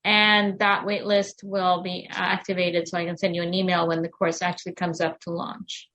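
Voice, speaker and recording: A woman's voice: lowish voice, level tone, moderate pace, a bit bright. A middle-aged woman, a wellness consultant, talking in a podcast interview in an earnest, encouraging way that rambles with restarts.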